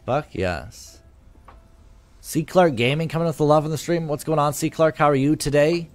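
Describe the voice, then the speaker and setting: A man's voice: a little high, animated, normal speed, faint music behind. A man live streaming, chatting casually with his viewers, swearing freely and reading their comments aloud. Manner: loose, profane, reads chat comments aloud.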